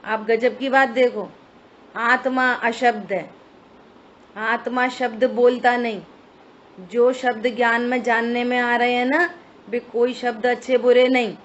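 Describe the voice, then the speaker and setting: A woman's voice: a little high, little pitch movement, unhurried. Woman teaching scripture on a lo-fi recording. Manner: explanatory, asks listeners rhetorical questions. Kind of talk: religious study discourse. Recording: dull lo-fi recording with faint hiss.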